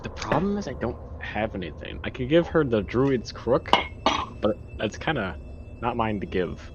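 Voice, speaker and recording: A man's voice: mid-range voice, expressive, normal speed, dull audio, heavy background noise. A man playing a tabletop game, joking and hesitant. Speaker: player. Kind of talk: casual tabletop play.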